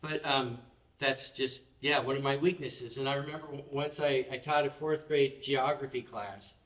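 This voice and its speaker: A man's voice: medium pitch, fairly even intonation, normal speed, a bit bright, roomy sound, far from the mic. A man preaching a conversational sermon as pastor, acting out quoted prayers and laughing at himself now and then. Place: church chapel.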